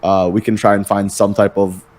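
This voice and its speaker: A man's voice: lowish voice, little pitch movement, normal speed, a little mellow. A young man as a podcast guest, chatting casually and telling laid-back stories, with the odd swear word. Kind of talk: casual chat.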